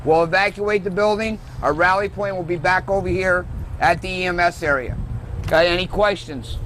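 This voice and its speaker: A man's voice: sits high, normal speed, a bit bright. A man giving instructions as a fire chief, going step by step and repeating key directions. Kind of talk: instructional walk-through and briefing. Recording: echoey room, faint background noise.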